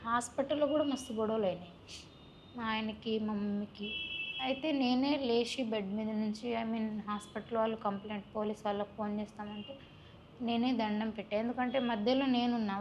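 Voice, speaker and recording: A woman's voice: on the high side, fairly even intonation, fairly quick, a little hiss or hum. A young woman, recounting her personal story in a plaintive, heartfelt way as an interview guest. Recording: muffled recording.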